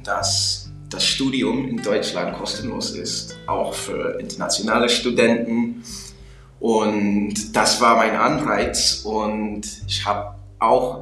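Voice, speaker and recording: A man's voice: on the low side, fairly even intonation, a little slow, a bit bright, reverberant, soft background music. A man in his twenties from Chicago, speaking German as a learner with an American accent and careful restarts, as a guest in a casual interview. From Chicago, USA. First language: English. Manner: careful non-native speech with restarts.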